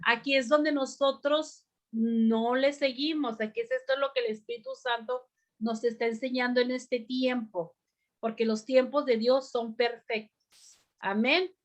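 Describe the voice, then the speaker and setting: Slow, deliberate woman teaching a bible lesson. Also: on the high side, steady tone. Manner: slow, deliberate, repeats "amén" and asks the group questions. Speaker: women's ministry teacher.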